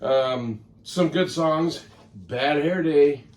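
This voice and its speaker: A man's voice: fairly high pitch, extremely slow. Chatty man in a roomy, distant recording. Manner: rambling, chatty, self-correcting. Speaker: record collector vlogger. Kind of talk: casual talk to camera. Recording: roomy sound, mic at a distance.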